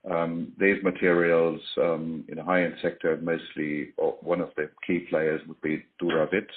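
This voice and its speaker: Low voiced guy explaining business stuff on a call, hesitant and stop-start, muffled sound. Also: little pitch movement. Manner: hesitant, halting delivery with pauses. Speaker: industry expert being interviewed. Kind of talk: business phone interview, explanatory. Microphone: phone or online call. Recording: muffled call audio, faint typing noise.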